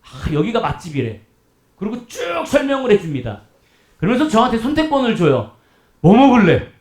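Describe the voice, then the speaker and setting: A man preaches to his congregation in a high voice that rises and falls. He tells everyday stories and slips into the voices of the people in them. The sound rings around a reverberant church room. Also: a little fast. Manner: animated storytelling, acts out quoted voices. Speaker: pastor. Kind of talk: sermon. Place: church hall.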